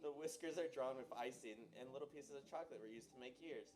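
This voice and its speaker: A man's voice: mid-range voice, fast talker, darkish tone. A man narrating a visual novel on a live stream, breaking off for jokey asides. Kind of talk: live game read-along, voice acting. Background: game music.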